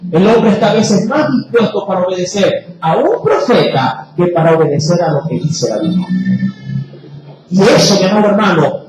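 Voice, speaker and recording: A male preacher giving an emphatic sermon, moving between loud emphasis and quiet low asides. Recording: very echoey room, faint noise.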